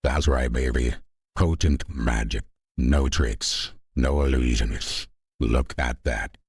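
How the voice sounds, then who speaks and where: Man putting on a very deep, raspy ranting sorcerer. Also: takes it slowly, darkish tone, dry recording, studio quality, exaggerated voice. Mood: boastful, outraged. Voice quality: very deep, gravelly, rough. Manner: bombastic, declamatory announcements. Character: ranting boastful male sorcerer villain, comically outraged. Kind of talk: improvised comedy skit.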